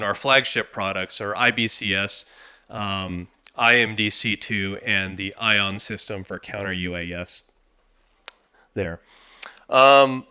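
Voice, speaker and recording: An American man in his fifties giving a formal conference presentation, halting, with frequent pauses and repeated words. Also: medium pitch, pushed and bright, clear, resonant tone. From United States. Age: 50s. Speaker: conference speaker, defense industry executive.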